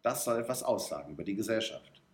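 A man's voice: on the low side, animated, fast talker, lightly acted. A man voicing an earnest, awkward young schoolboy in a read-aloud story, in a slightly raised voice. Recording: roomy echo.

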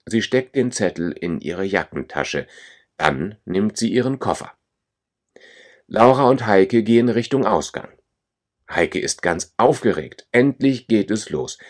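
A man narrating a scripted storybook for learners, calm, clear and plain. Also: on the low side, unhurried.

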